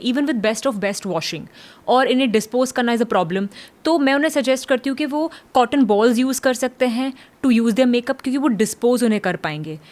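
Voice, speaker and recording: A woman dermatologist explaining skin care calmly, giving advice and mixing in English medical terms. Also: fairly high pitch. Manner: calm, advisory, mixes English terms.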